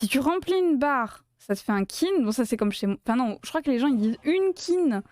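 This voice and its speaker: A woman's voice: on the high side, animated, fast talker, a little mellow, dry recording. A woman from south-west France with a south-west French accent, chatting casually and playfully on a crochet live stream and laughing often as she answers her chat.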